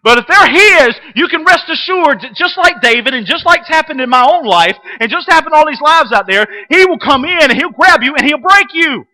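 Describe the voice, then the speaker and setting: A middle-aged man preaching to a church class over a webcam, his voice unusually high and sharp-edged. He repeats phrases for effect and swings between hushed asides and fervent, raised declarations. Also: expressive, brisk, few pauses, rough recording. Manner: impassioned, repeats himself, swings from hushed to loud. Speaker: Sunday school teacher. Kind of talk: sermon.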